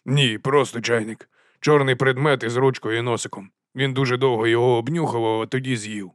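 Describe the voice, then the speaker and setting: A man voicing a gloomy, curt middle-aged watch captain in an audiobook, speaking slowly. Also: mid-range voice, fairly even intonation, no echo, studio quality, natural voice. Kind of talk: audiobook character voice.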